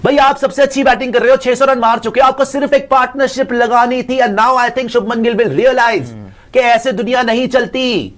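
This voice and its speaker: A man's voice: very high-pitched, moderate pace, a bit bright. A man giving a blunt cricket reaction, firing rhetorical questions and mixing Hindi and English. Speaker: cricket commentator. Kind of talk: casual cricket reaction chat.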